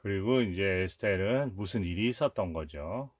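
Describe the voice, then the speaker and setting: A man's voice: fairly low pitch, animated, normal speed, darkish tone. A man hosting a casual film review, walking through scenes and acting out the characters' lines as he goes.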